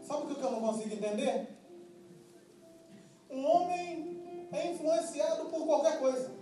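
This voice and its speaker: A pastor from Minas Gerais preaching a sermon in a Minas Gerais accent, humorous and emphatic, telling stories. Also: male voice, very high voice, lively intonation, a little slow. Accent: Minas Gerais Brazilian Portuguese. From Minas Gerais, Brazil. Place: church hall before a congregation. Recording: echoey church hall, distant mic, music and congregation.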